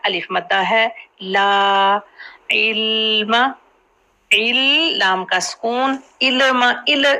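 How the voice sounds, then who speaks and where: A woman teaching Quran recitation rules, explaining quickly and then drawing out each recited word slowly. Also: mid-range voice, sharp tone, rough recording. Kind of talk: tajweed lesson, explaining and slowly modeling recitation.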